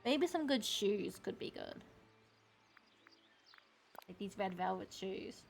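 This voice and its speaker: A woman's voice: medium pitch, lively intonation, slow pace, vocal fry. An Australian woman doing casual livestream commentary while she plays a game. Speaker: livestreamer, VTuber. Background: music.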